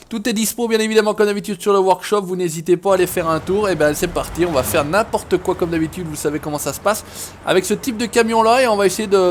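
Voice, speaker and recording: A man's voice: high-pitched, a little hiss or hum. A man hosting a gaming video, chatting casually and swearing at the game as he plays. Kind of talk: casual gameplay commentary.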